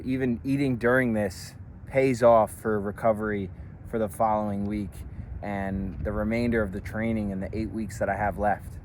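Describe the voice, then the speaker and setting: A man with a low, deep voice chats casually to camera, upbeat and joking. He is sitting over a meal indoors, with a faint hiss of noise behind him. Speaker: vlogger and ultrarunner. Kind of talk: casual vlog talk to camera. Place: mother's home, indoors, at a meal.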